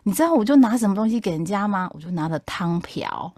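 A woman's voice: mid-range voice, animated, fast, warm tone, no room sound, studio quality. A woman from Taipei with a Taiwanese accent, explaining things in casual podcast chat and checking that the listener follows. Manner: explanatory, checks understanding with tag questions. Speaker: podcast guest explaining technology.

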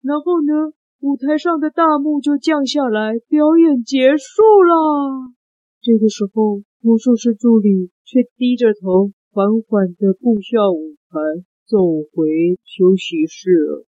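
A woman takes turns with a child spinning a bedtime-style story, lively and playful. Her voice sits high and light. The sound is dull and dry, like a lo-fi home podcast. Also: unhurried, few pauses, no room sound.

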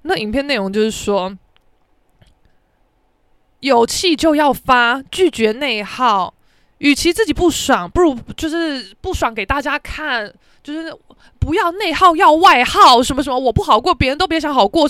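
Brash high-voiced Taiwanese woman. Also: animated, moderate pace, no room sound, clean studio sound. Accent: Taiwanese Mandarin. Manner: brash, profane, dramatic, shouts out reenacted quotes. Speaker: podcast host. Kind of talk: casual storytelling monologue.

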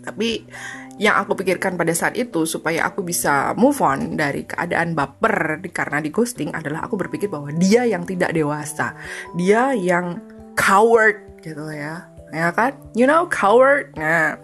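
A woman's voice: fairly low pitch, normal speed, a bit bright, soft background music. A woman in her thirties hosting a casual solo podcast, chatty and confessional, often laughing and slipping into English phrases. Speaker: podcast host.

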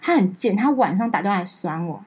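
A woman's voice: mid-range voice, quick pace, husky. A young woman co-hosting a podcast, chatting casually and acting out her relatives' lines as she tells a story. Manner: animated storyteller, acts out relatives' lines in raised voices. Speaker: podcast co-host. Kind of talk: casual chat.

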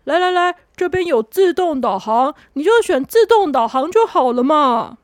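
A woman's voice: very high-pitched, lively intonation, no room sound, clean studio sound, pitched above the performer's own voice. A woman voicing a careless, easygoing guide who drawls and hurries others along. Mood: breezy. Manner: easygoing, drawn-out.

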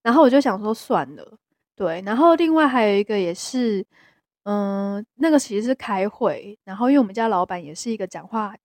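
A woman with a Taiwanese Mandarin accent, co-hosting a podcast in casual chat, talking hesitantly with many restarts and a soft voice that trails off. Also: medium pitch, animated, brisk, no room sound. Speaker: podcast co-host.

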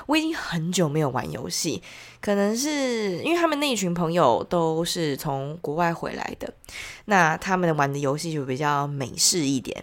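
A woman with a Taiwanese accent and a nasal, congested voice from a heavy cold, chatting casually as the host of a solo audio diary. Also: low-pitched. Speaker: podcast host, entrepreneur.

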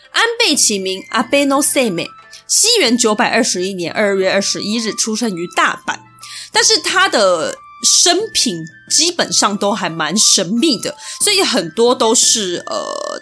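A woman hosting a history podcast, telling old legends in a chatty, explaining way and spelling out the characters of words. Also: medium pitch. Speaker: podcast host. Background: soft background music.

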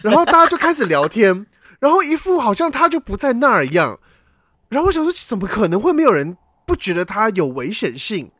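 Male podcast host, animated storyteller, high bouncy voice, rapid delivery. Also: no room sound, studio quality. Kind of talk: casual podcast chat, telling a dream.

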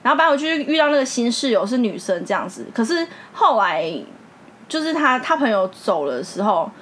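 A woman's voice: a little high, a little fast, a little hiss or hum. A woman with a Taiwanese Mandarin accent, telling a story animatedly in a casual podcast chat and laughing often. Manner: animated, laughing storyteller, acts out quoted voices. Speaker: podcast co-host.

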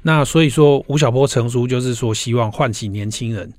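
A younger man with a Taiwanese Mandarin accent, a doctor guest on a radio show, explaining things in a measured, lecturing way. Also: medium pitch, no echo. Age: young adult. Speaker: guest, doctor and book reviewer. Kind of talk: explanatory interview talk.

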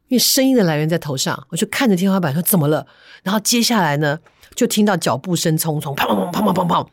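A woman podcast host, telling a story in lively chat, acting out sounds. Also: on the low side, dry recording, clean studio sound. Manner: animated, acts out sounds and voices.

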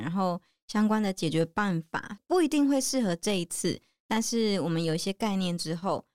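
A woman's voice: mid-range voice, a little mellow, no echo, clean studio sound. A woman with a Taiwanese Mandarin accent, chatting casually as a podcast host. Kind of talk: casual chat.

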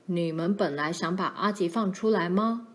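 A woman voicing a protective pioneer father who speaks firmly and gravely to his daughters. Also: on the low side, a little slow, a little mellow, pitched below the performer's own voice, close to an everyday voice. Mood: stern. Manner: firm and warning, grows grave.

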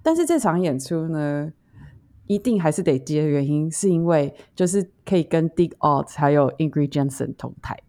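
A woman's voice: sits low, expressive, normal speed, warm tone. A woman co-hosting a podcast, telling an anecdote in an easygoing way and mixing in English words. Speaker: podcast co-host. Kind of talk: casual podcast chat.

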